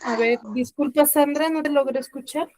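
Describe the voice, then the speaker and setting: A woman teaching an online class over a computer mic, with a fairly high voice. She keeps quizzing her students and slows down to stress the words that matter. The sound is dry and close, with no room echo. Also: fairly even intonation. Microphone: computer mic on a video call.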